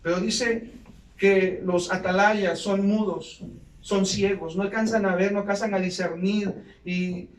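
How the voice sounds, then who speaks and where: A man's voice: sits high, fairly even intonation, unhurried. A man preaching a sermon as pastor, fervent and often calling his listeners "brother". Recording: echoey room from a distance, faint ambience.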